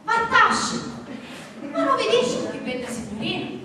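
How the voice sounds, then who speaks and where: A woman's voice: extremely high pitch, wildly swooping pitch, moderate pace, full character voice. A woman playing a gullible, stubborn, house-proud Sicilian mother in a dialect stage comedy, theatrical and indignant. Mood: wounded, lamenting. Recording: echoey hall, distant mic, audience noise.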